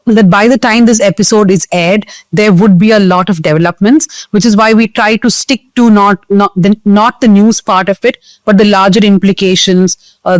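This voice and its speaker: A woman's voice: mid-range voice, no room sound. A woman with a South Indian English accent hosting a news discussion in an earnest, explanatory, conversational way. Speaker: host of a current affairs discussion show.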